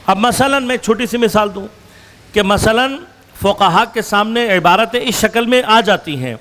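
Addressing an assembled audience, a male religious scholar speaks in a strikingly high voice with a fairly bright tone. His lecture works through examples, posing rhetorical questions he then answers, shifting between slow, emphasized phrasing and faster stretches.

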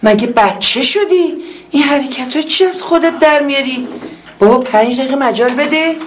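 A woman's voice: sits high, a little hiss or hum. Woman sweet-talking with coaxing questions. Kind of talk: comedy sketch acting.

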